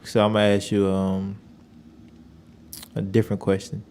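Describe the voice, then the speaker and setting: Low-voiced, reflective male interviewer. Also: completely flat delivery, normal speed, a little mellow, slight background noise. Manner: reflective, colloquial, repeating phrases, frequently affirming. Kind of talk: conversational interview.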